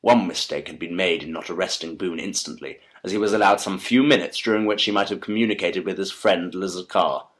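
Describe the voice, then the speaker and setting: An actor playing a keen, analytical detective in a dramatised audiobook, speaking articulately and emphatically in formal period diction. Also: male voice, low voice, brisk, few pauses, fairly bright tone. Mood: measured, explanatory. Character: Sherlock Holmes, keen analytical male detective recounting a case.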